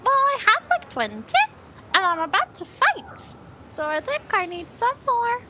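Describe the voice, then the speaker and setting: A woman's voice: very high-pitched, huge pitch swings, normal speed, heavy background noise. A woman playing in a tabletop game, eager, curious and playful. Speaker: player. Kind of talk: tabletop role-play.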